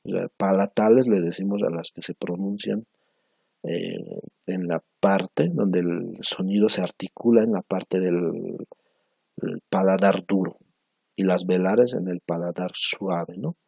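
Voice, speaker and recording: A man teaching a language lesson on speech sounds, talking in a slow, measured way and repeating syllables for pronunciation, often tagging phrases with a questioning "no?". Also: low-pitched, steady tone, gravelly, warm tone, husky, dry recording. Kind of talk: recorded lecture on phonetics.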